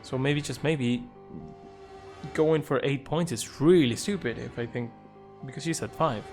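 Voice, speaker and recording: Guy streaming a game, talks his choices through out loud, cracks little jokes, mid voice, soft game music under him. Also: medium pitch, measured pace. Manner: thinks aloud, reasoning things through. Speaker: streamer playing a video game. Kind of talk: live gameplay commentary.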